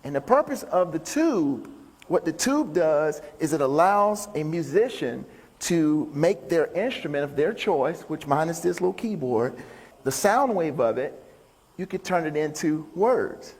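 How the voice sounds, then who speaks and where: On a large indoor stage, a man who is a motivational speaker and musician gives an upbeat, folksy talk and banters with the crowd. His voice is a little high with a darkish tone, sing-song and unhurried. The sound is that of a reverberant hall.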